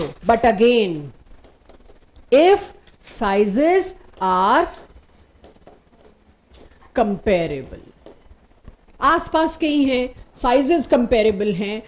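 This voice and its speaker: A woman teaching a chemistry class, her voice sitting a little high. She explains concepts step by step and gives short, firm commands to her students. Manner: explains step by step, mixing Hindi and English terms. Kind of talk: recorded online lecture.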